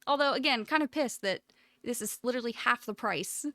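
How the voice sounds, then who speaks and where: Here a woman live streamer talks a little fast in a fairly high voice, giggling and laughing loudly as she chats informally and fondly with her viewers in a rambling way. A close USB microphone gives clean studio sound with no room noise.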